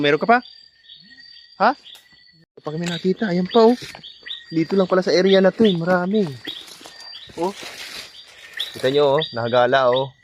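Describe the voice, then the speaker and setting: Excited man calling out finds outdoors at night. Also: on the high side, a little hiss or hum. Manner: excited, calls out finds and directs a companion. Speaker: vlogger hunting at night. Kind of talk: casual outdoor vlog narration. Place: outdoors at night among trees.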